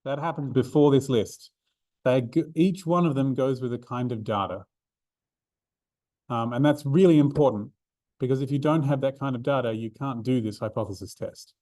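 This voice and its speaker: An Australian maths tutor with a medium-pitched, mellow voice speaks at a moderate pace in a university classroom, with no echo. He runs a revision seminar for statistics students in a casual way, full of ums and restarts.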